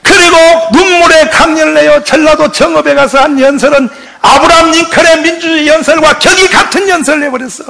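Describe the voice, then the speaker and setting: A man, a pastor giving an impassioned public lecture, who shouts often and fires rhetorical questions at his audience. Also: very high-pitched, fast, vocal fry, a faint crowd.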